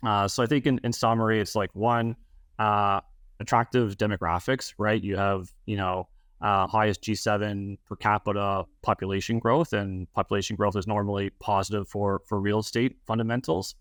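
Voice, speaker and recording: A Canadian man gives a podcast interview as a real estate advisor. He talks in a low, even, level tone and keeps restarting his phrases with lots of fillers. The sound is close and dry. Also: moderate pace, no room sound. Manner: hesitant, many fillers and restarts.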